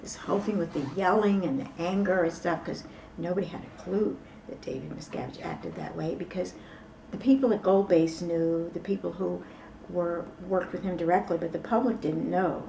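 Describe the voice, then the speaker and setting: A woman's voice: fairly low pitch, steady tone, normal speed, gravelly, dark tone, distant mic, slight background noise, poor audio. A woman recounting a past encounter as an interview guest, in casual, rambling talk full of fillers and asides. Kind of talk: casual storytelling.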